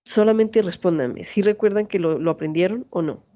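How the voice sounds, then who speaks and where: A woman's voice: on the low side, moderate pace, lo-fi sound. A woman in her forties with a Santander Colombian accent, a university teacher giving an online lecture and often asking her students questions. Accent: Santander Colombian Spanish. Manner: asks students many check questions.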